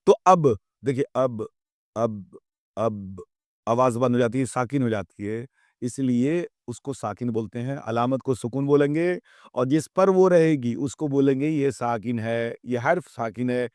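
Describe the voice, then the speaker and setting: A man teaching a grammar lesson, patiently explaining marks and slowly spelling out letters and words one at a time. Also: medium pitch, darkish tone, no room sound, clean studio sound.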